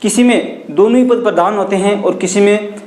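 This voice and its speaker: A male teacher giving an online grammar lesson, repeating key terms as questions to the class and dropping his pitch on each stressed term. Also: moderate pace, darkish tone, roomy sound. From India.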